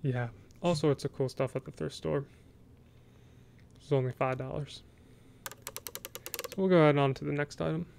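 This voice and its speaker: Soft-spoken American man doing rambling ASMR, noisy mic. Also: a little high, fairly even intonation, normal speed, creaky, long pauses. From United States. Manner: casual, rambling, hesitant. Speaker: ASMR video host.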